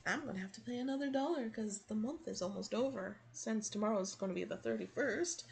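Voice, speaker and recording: A woman's voice: a little high, moderate pace, creaky, a little hiss or hum, rough recording. A woman streamer reading a story game aloud with dramatic flair, breaking off for casual asides. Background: game music.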